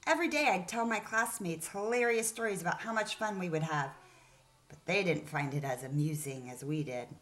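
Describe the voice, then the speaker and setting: Speaking briskly in a lowish, slightly bright voice, this elementary school teacher guides children through a read-aloud lesson with encouragement and instruction.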